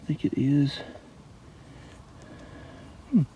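Outdoors in the woods or fields, a man hosting a relic-hunting channel digs while narrating casually to his viewers in an earnest, devout way. His voice is fairly high and mellow with lively intonation, and he talks extremely slowly over slight background noise.

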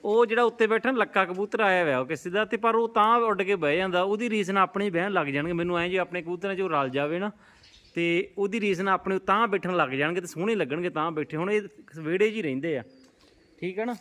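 A man's voice: high voice, fast talker, fairly bright tone. A man with a Punjabi accent chatting casually and teasingly in a family vlog. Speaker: family vlogger, husband and father.

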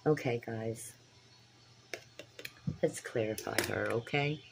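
Her voice is bass-deep, gravelly and slow, with background noise behind it. She's a sixty-something spiritual tarot vlogger preaching earnestly to viewers in a casual talk, speaking into a phone camera held at arm's length in a small, dim room.

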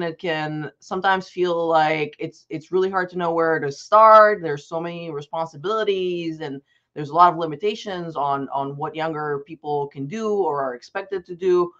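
An advocacy specialist, a young man from Bulgaria, shares a personal story with students during an online presentation. His voice is a little high and fairly bright, earnest and conversational, and he often restarts his sentences over a dull, lo-fi video call line.

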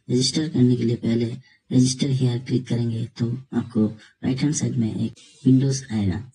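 This tutorial presenter speaks in a husky, mid-range voice, and the audio is poor. He narrates a screen recording of an online form, explaining it step by step in a steady way and calling the viewers his friends.

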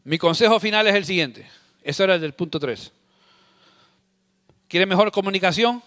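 Male pastor mid-sermon, high bright voice, emphatic, repeats key phrases. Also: moderate pace, no echo, clean studio sound. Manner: acts out scenes, shifts loud to soft.

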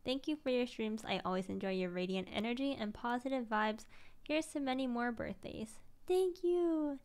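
A tired young woman streamer chatting casually as she reads viewer messages aloud, gushing and emotional, sometimes dropping to a soft whisper. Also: a little high, moderate pace.

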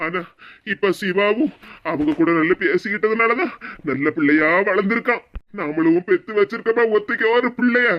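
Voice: medium pitch, expressive, moderate pace, lo-fi sound, lightly acted. A voice actor playing a remorseful, tearful middle-aged cartoon husband in Kanyakumari Tamil who laments and repeats himself. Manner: lamenting, repeats phrases mournfully. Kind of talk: cartoon comedy voice acting.

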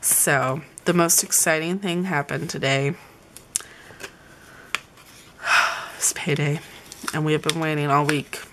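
A woman's voice: low voice, fairly even intonation, slow, pauses often, noisy background. A young woman gushing over her planner supplies in a casual vlog. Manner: chatty, gushing, says "y'all". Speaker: planner vlogger. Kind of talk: casual show-and-tell vlog.

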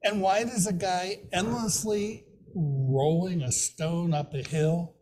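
Minister in his sixties, slow measured sermon delivery, mellow voice, faint rumble behind. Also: fairly even intonation, low-quality recording. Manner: slow, measured reading from notes. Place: small church room, indoors.

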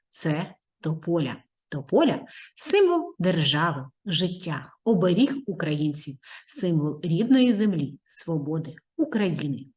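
A woman teacher giving a video reading lesson to young children, in an expressive voice that drops now and then into soft whispers. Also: lowish voice. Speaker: primary school teacher.

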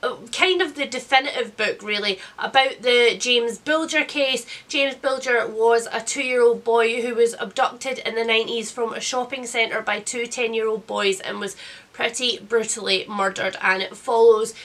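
A woman's voice: fairly high pitch, steady tone, moderate pace, a bit bright. A woman in her thirties, sounding sick with a cold, chats casually about books in a chatty, self-deprecating way. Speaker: book vlogger. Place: indoors, small book-lined room.

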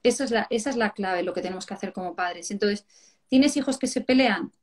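A woman from Spain, a parenting educator on a live stream, who explains through animated stories and acts out the parents and children she quotes. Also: mid-range voice, a little fast.

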